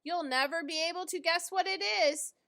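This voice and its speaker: A woman voicing an eager, impatient, childlike big male bird from a storybook, excitable and pleading. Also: very high-pitched, normal speed, gravelly, voice pushed up, full character voice. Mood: teasing, eager.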